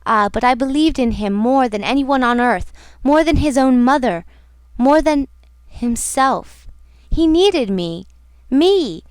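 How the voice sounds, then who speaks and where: A heartbroken young woman mourns the man she loved in a low, pleading murmur, voiced by a woman reading the story. Her tone stays smooth and clear throughout. The recording is dry and close. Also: expressive, slow, dry recording. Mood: grieving.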